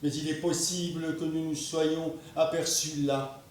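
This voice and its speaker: Stiff polite gentleman played by a man, slow and level-toned, heard far off in a very echoey room. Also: a little high, level tone, a little hiss or hum, lightly acted. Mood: formal, wondering. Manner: slow, ceremonious, repetitive politeness. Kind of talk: stage play performance. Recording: echoey room, miked from afar.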